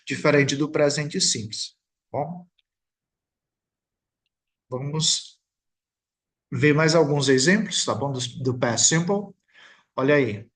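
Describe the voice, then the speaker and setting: Brazilian man, English teacher, patient slide-lesson voice-over, mid pitch, frequent check-ins. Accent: Brazilian Portuguese. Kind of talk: recorded video lesson.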